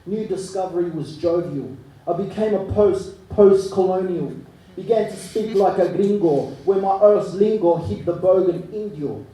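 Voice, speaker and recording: High, mellow-voiced spoken word poet. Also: male voice, unhurried. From Chile. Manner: rhythmic rhyming delivery swinging between hushed and forceful. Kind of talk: live spoken word poetry. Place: live arts venue. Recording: echoey room, mic from far off.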